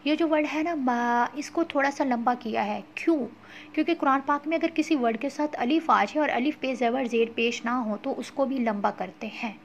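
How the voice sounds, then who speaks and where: High-voiced woman teaching Quran recitation. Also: dull audio, a little hiss or hum. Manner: alternates slow drawn-out recitation with quick explanations. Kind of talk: tajweed lesson with slow chanted recitation.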